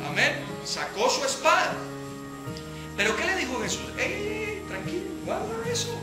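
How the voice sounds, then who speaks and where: A woman leading a Bible study sermon, acting out scripture quotes and asking the room rhetorical questions. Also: medium pitch. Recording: echoey hall with faint music.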